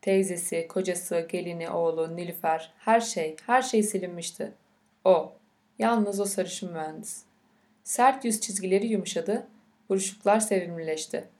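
A woman narrating an audiobook of a novel, with a measured, unhurried reading. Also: on the low side, dark tone.

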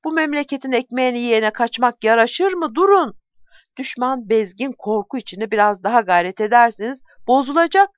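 A woman reading aloud and voicing a bold, fearless male Ottoman warrior who shouts his battle cries. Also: on the high side, sing-song, normal speed, smooth, dry recording, dull audio. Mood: rallying.

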